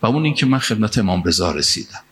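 A man's voice: lowish voice, very animated. A man from Mashhad delivers an impassioned sermon, weaving in a story. He recites Arabic phrases and lines of verse, and his voice climbs to emphatic peaks to drive home a point. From Mashhad, Iran. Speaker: preacher.

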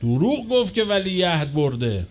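A man preaching a sermon with passion, swinging from loud, slow declaiming to quick, quieter asides. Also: high-pitched, big pitch swings. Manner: chants quoted chains of narrators slowly.

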